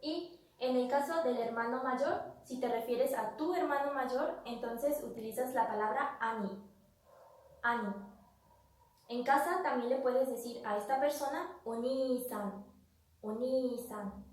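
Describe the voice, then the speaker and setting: A woman's voice: high-pitched, far from the mic. Patient woman teacher, echoey room. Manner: patient, repeats each word slowly. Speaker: Japanese teacher. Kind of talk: vocabulary lesson.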